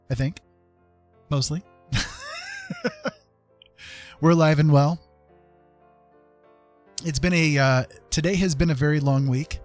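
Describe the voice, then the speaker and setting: Piano music backs a digital painter's livestream as he chats casually, working through his thoughts aloud. He has a medium-pitched, darkish-toned voice and a laid-back manner.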